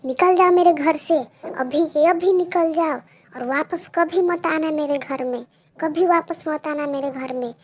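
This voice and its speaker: A woman voicing a cruel stepmother who scolds and yells in a cartoon story. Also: high-pitched, fairly even intonation, normal speed, slight background noise, pitched above the performer's own voice, close to an everyday voice. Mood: angry shouting. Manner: yelling, scolding.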